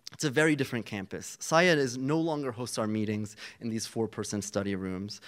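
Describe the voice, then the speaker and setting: Earnest young man giving a panel speech. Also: lowish voice. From Palestinian. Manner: earnest, rallying, with frequent fillers and restarts. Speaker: student activist panelist.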